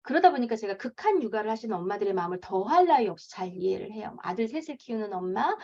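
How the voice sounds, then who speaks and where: A woman's voice: medium pitch, big pitch swings, fast, dark tone. A woman in her thirties, a parenting coach, giving a lecture and acting out parents' lines in a raised voice. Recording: dull lo-fi lecture recording.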